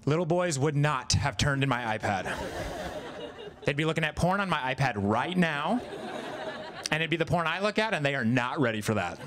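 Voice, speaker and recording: A man's voice: a little high, animated, moderate pace, a crowd in the background, noisy background. A man in his thirties performing stand-up comedy on stage, chatty and self-deprecating, acting out quoted voices. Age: 30s. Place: live comedy venue with audience.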